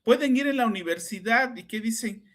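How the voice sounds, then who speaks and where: A man's voice: very high voice, brisk, fairly bright tone. A middle-aged Mexican man, a psychoanalyst hosting a podcast, telling anecdotes in a chatty way and often ending with tag questions. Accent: Mexican Spanish. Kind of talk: conversational storytelling.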